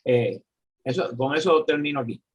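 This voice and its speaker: A man in his seventies with a Puerto Rican accent, talking earnestly in a political discussion and often pausing to find his words. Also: medium pitch, breathy edge. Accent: Puerto Rican Spanish. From Puerto Rico. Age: 70s. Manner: earnest, searching for words, repeats himself. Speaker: guest commentator.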